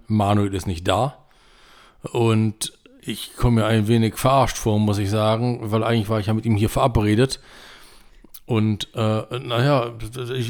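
A man co-hosting a podcast, bantering in a dry, deadpan way. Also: lowish voice. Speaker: podcast co-host. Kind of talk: casual chat.

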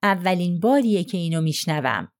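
Her voice is lowish, with lively intonation and close to how she'd speak every day. She's reading an audiobook part for a reserved young man who gives short, guarded answers when questioned.

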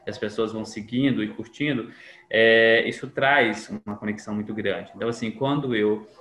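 A man's voice: fairly low pitch, steady tone, moderate pace, a bit bright. Man talking in an echoey room. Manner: reflective, acts out quoted dialogue. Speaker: podcast guest. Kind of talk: casual conversation. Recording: echoey room with faint noise.

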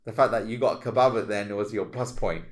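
Animated man co-hosting a podcast. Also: on the low side, fairly quick. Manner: animated, exclamatory, acts out reactions. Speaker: podcast co-host. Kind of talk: casual spiritual podcast chat.

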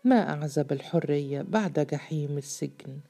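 A woman's voice: low voice, normal speed, dark tone. Woman reading as a stern scornful male jinn. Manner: severe, scornful sermonizing. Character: stern mocking male jinn freed from a bottle. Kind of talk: storybook reading.

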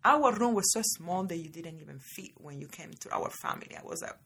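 A Cuban woman hosts her own podcast, sharing stories from her childhood in a low, husky, slightly breathy voice. Her delivery is lively, casual and a little fast, and she keeps addressing her listeners as "guys."

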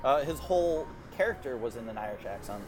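Man, mid pitch, lively intonation, hesitant, lots of fillers, casual film chat. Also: a little fast, soft background music. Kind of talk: casual movie review chat.

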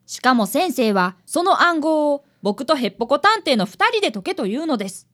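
In a radio drama, a woman actor and narrator voices an eager fifth-grade boy who's an apprentice detective. Her high-pitched, bright voice is very animated, moving at a moderate pace as she narrates earnestly.

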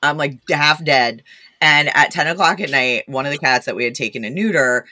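A woman guest on a podcast, telling stories in a blunt, animated way with lots of fillers. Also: low-pitched, a little fast, no echo. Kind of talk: casual storytelling.

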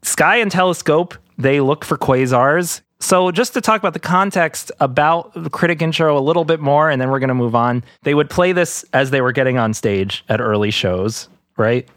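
A man's voice: fairly high pitch, moderate pace, few pauses, a bit bright, no echo, clean studio sound. A man co-hosting a music podcast, chatting casually and laughing often. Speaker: podcast co-host.

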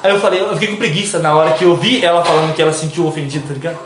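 Slangy, animated young man. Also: fairly high pitch, racing, roomy sound, background noise. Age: 20s. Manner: slangy, animated, laughs often, acts out voices in his stories. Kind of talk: casual storytelling chat.

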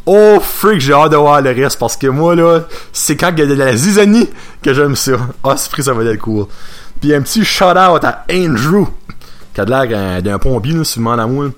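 A man's voice: mid-range voice, lively intonation, normal speed, fairly bright tone. A man hosting a casual radio show, chatting and slipping English words and slang in as he introduces songs.

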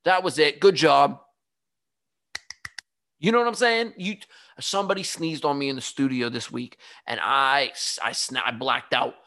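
A man hosting his own podcast, talking casually in an animated, ranting, self-mocking way. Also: medium pitch, measured pace, a little hiss or hum. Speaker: podcast host. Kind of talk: casual solo monologue. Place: home studio.

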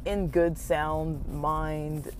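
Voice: mid-range voice, little pitch movement, very slow, soft background music. A podcast host giving a casual, rambling, informal monologue with hesitant, meandering delivery, recorded inside a car while driving. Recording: muffled road noise inside moving car. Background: vehicle noise.

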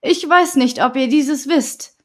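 A woman's voice: sits high, takes it slowly. A woman reading aloud and voicing a pompous, long-winded male village official from a comic verse tale, in a raised, solemn voice.

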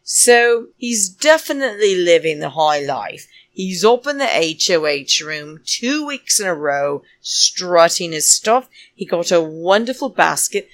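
A woman with a low-pitched voice hosts a chatty solo podcast, recorded very dry and close. She speaks slowly and theatrically, drawing out her phrases. She addresses listeners as darlings and drifts into digressions. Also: very animated, no room sound. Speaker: podcast host.

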